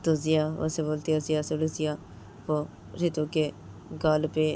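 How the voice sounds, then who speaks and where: A woman with a low voice narrates a romantic story, chaining events together in long run-on sentences. Her delivery is plain and steady, and faint noise sits in the background. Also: moderate pace. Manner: plain, run-on narration with many linking words.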